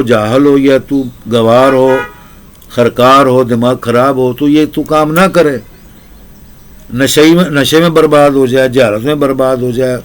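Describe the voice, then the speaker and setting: A man's voice: mid-range voice, a little hiss or hum, natural voice. A man voicing a wise, generous king who lectures and praises a poor laborer in long, repetitive lists. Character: generous wise old king, kindly and commanding.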